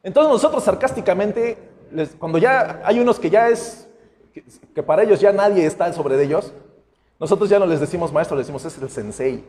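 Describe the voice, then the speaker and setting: A pastor preaches a sermon in a casual, conversational way, slipping into the voices of the figures he quotes. His voice sits high and swings widely in pitch. The sound carries the long reverb of a church hall. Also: lively intonation, brisk, a little mellow. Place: church sanctuary.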